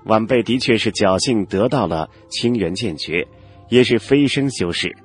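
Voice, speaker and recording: A man's voice: on the low side, lively intonation, moderate pace, faint music behind, lightly acted. A man doing a wary young cultivator. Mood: respectful.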